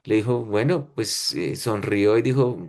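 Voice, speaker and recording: A man's voice: on the low side, a little slow, a little mellow. A man with a Colombian accent who presents a webinar and tells a story in the style of a lecture. He talks in short phrases and often checks in with his listeners. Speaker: webinar speaker.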